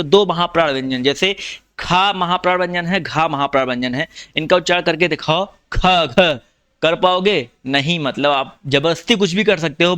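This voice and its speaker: A male teacher with an eastern Uttar Pradesh or Bihar Hindi accent talks through exam questions, repeating each point and calling his students brother. His voice is smooth and resonant and sits a little high for a man. The sound is close and dry, with no room echo. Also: fairly bright tone. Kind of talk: exam-prep lesson.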